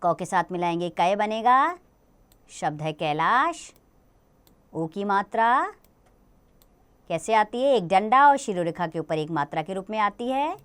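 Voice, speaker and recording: A woman gives a grammar lesson for young children in a clear, smooth voice. She explains slowly and patiently and keeps turning to the children with questions. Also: mid-range voice, lively intonation. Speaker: teacher.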